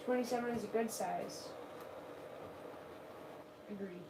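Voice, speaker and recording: A male with a fairly high voice plays sidekick on a casual live stream. He answers in short, easy phrases from back in a noisy, echoey space. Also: unhurried. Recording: roomy echo, distant mic, noisy.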